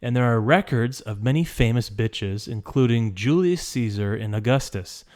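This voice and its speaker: A man's voice: mid-range voice, expressive, normal speed, a little mellow, lightly acted. A man reading out a listener's letter in a put-on voice as a cocky, foul-mouthed letter writer, with crude, emphatic swearing. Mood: brash.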